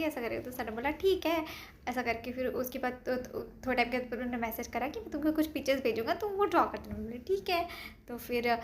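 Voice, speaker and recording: A young woman, a medical student, casually telling a story and acting out what others said in animated quotes. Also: sits high, a little hiss or hum. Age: young adult. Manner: animated, quotes others in lively acted voices.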